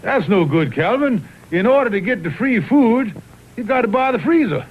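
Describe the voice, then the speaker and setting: Pompous, sputtering Southern cartoon colonel, high-pitched. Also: male voice, sing-song, moderate pace, husky, heavily acted. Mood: scheming. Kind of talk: 1960s TV cartoon comedy acting. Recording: muffled vintage TV soundtrack with music.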